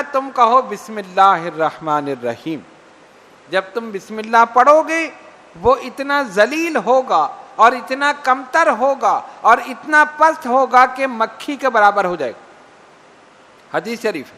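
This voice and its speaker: A man preaching with a very high, bright voice. He delivers slow, emphatic lines and recites hadith. His voice echoes with a long reverb. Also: expressive. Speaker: Islamic preacher. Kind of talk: sermon.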